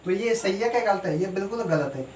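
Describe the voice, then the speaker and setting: दूर से गूँजती आवाज़ में पढ़ाता शिक्षक. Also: male voice, high voice, darkish tone. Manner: explains slowly, asks and answers his own questions. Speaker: teacher. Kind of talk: classroom grammar lesson. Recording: echoey room, voice from far off, faint noise.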